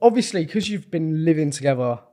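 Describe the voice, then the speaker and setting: A male podcast co-host asks relaxed, playful questions. His voice sits a touch higher than most men's, and his tone stays light in the casual chat. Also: a little fast.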